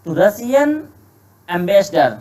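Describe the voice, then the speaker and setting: In this rough recording, a high-voiced man teaches English grammar for an exam, going through sentences word by word at a slow pace and then explaining in Hindi. He sounds very animated yet a little mellow, and often poses rhetorical questions to himself.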